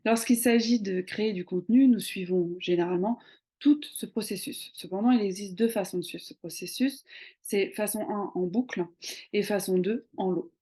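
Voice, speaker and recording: A woman's voice: mid-range voice, moderate pace, dark tone, husky. A young woman explaining social media tips in a casual tutorial, talking conversationally with many hesitant fillers. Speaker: social media marketing coach.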